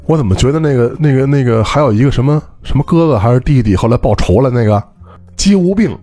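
A Beijing man with a Beijing accent co-hosts a podcast, chatting casually and telling stories while checking that listeners are following along. He talks fast in an expressive, mellow, medium-pitched voice, with faint music in the background.

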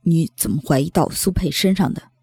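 Woman playing an earnest young man, lowered voice, anxious, breathy, dry. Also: darkish tone, dry recording. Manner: earnest, quick to speak up.

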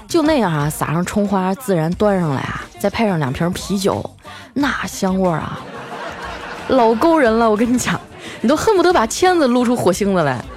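Woman, comic storytelling host, animated lilting pitch, chatty, music in the background. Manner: chatty, drawn-out sentence-final particles. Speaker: streaming host.

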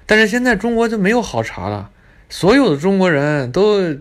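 A man's voice: high-pitched, sing-song, moderate pace, voice pushed up. A man voicing an arrogant, condescending older male British tour guide. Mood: boastful. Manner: boastful, condescending.

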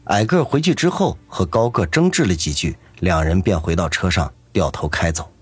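A man narrating a serialized novel with expressive storytelling. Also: low voice, normal speed, breathy edge, dry recording. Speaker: audiobook narrator.

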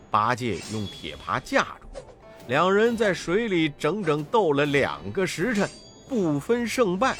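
Male storyteller for children, slow and lively in pitch, faint music underneath. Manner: slow, expressive, dramatic storytelling.

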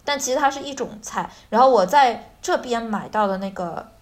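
A woman's voice: on the high side, normal speed. A woman hosting a casual language-lesson chat, explaining things and checking in as she goes. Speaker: podcast host.

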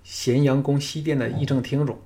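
A man's voice: medium pitch, normal speed. Man narrating a novel. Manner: steady, storytelling delivery with commentary. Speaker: audiobook narrator.

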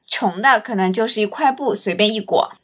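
A woman's voice: mid-range voice, fairly quick, slightly rough. A woman hosting and narrating a scripted first-person travel story in a reflective, literary way. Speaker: storyteller and host.

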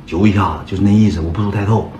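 A man doing a hushed, wheedling clingy guy. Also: on the low side, fairly even intonation, rapid-fire, slight background noise, voice pushed down, natural voice. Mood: pleading. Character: pushy, clingy plump young man pleading for a favor. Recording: echoey room with loud music.

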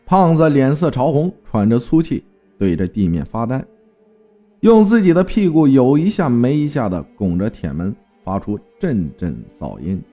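A man's voice: medium pitch, sing-song, normal speed, dark tone, soft background music. A man telling a first-person horror story with dramatic storytelling and terse spoken commands.

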